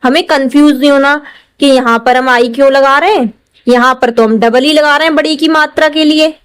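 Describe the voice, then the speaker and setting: With a high-pitched voice and a slightly fast pace, a female English teacher patiently spells words out syllable by syllable, repeating and drawing out each part as she explains. The lesson is slow and methodical, with no room sound.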